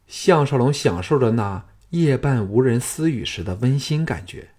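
A man narrating a novel as an audiobook in a soft, even storytelling voice. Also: medium pitch, normal speed, slightly rough.

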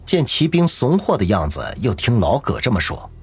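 Husky male storyteller, lively delivery, audiobook narration. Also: mid-range voice, normal speed. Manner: dramatic storytelling. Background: faint music.

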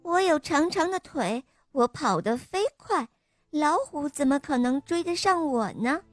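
A woman's voice: high-pitched, lively intonation, a little slow, dry recording, soft background music. A woman voicing a boastful boy giraffe who scoffs and brags. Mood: smug. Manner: scoffing, smug snorts. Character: boastful long-legged boy giraffe, smug.

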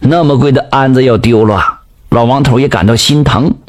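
A man with a Northeastern Mandarin accent telling a folk tale in a lively, colloquial way. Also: medium pitch, moderate pace. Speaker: storyteller.

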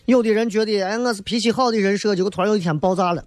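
A man's voice: high voice, very fast, no room sound. A man hosting a talk show, giving a casual comedic monologue in a colloquial, emphatic way, often tossing in rhetorical questions.

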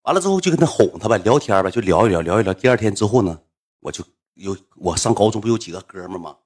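A man's voice: lowish voice, expressive, fast talker, darkish tone, husky. A young man with a Northeastern Chinese accent telling a rambling, slangy story to his stream audience from home. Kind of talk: casual storytelling livestream.

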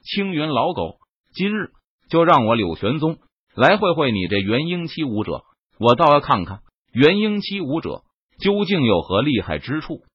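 A proud swordsman leader barks out his vows of fighting to the death, as a man voices him in a storybook reading. His voice swings widely and sounds husky. The recording is dull and dry. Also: a little high, big pitch swings, normal speed, no echo. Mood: mocking. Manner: shouting battle cries, fierce and proud. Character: defiant middle-aged sect leader swordsman, fierce.

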